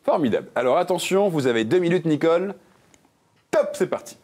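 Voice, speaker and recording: A man's voice: on the high side, animated, a little mellow. A man hosting a religious quiz game show, reading questions and answer options with playful puns. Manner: playful, jokey, reads options briskly.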